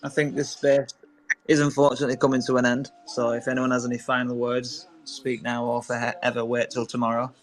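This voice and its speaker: A man hosts a casual online audio chat in a level, flat voice. He sounds relaxed and grateful and tends to repeat his words. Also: medium pitch, brisk. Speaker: host.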